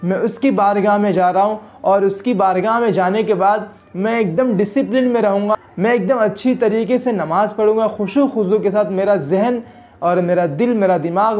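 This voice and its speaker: A man's voice: high-pitched, darkish tone. A man hosting an Islamic advice talk for video, earnest and exhorting, often repeating phrases to press his point. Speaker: religious video host.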